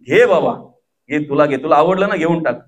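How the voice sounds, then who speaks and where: A man's voice: on the high side, lively intonation, moderate pace, highs cut off, natural voice. A man voicing a generous, pleased god. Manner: generous, warm, fatherly. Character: benevolent pleased male god granting a boon.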